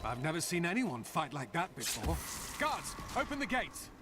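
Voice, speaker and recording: A man's voice: a little high, wildly swooping pitch, moderate pace, loud music behind the voice. An actor playing an urgent male town guard in a fantasy video game. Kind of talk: video game character acting.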